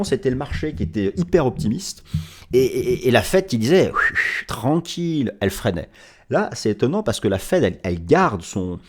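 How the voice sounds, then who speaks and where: Male analyst, lively pitch, slightly husky, walking viewers through charts. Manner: animated, explanatory, addresses viewers directly. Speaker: market analyst. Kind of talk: market commentary to camera.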